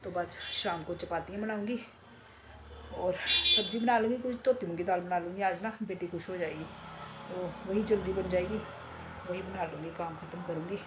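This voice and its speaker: A woman in her forties vlogging casually from home in a chatty, relaxed way, talking straight to viewers, her throat a bit sore from a cold. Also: lowish voice, normal speed, heavy background noise. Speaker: beauty salon owner and vlogger. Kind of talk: casual home vlog chat. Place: home, indoors.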